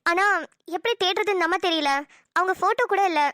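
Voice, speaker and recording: A woman's voice: extremely high pitch, a little fast, fairly bright tone, dry recording, clean studio sound. Woman voicing a chirpy teasing young daughter. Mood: gentle. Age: young adult. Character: teasing cheerful young female college student daughter. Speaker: voice actor. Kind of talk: cartoon dialogue acting.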